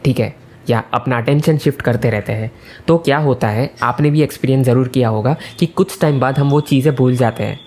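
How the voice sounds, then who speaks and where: A man's voice: mid-range voice, a little mellow. A man giving a casual explainer talk on a book's ideas, mixing English words into his speech and checking in with the listener through frequent tag questions. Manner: mixes English words and phrases into Hindi. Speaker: self-improvement educator explaining a book.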